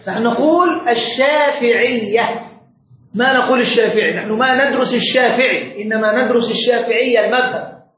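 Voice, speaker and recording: Man, religious teacher, quizzing students, dull lo-fi recording, very high voice. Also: a bit bright. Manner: quizzes students with repeated questions. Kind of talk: classroom lecture. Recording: very echoey room, dull lo-fi sound.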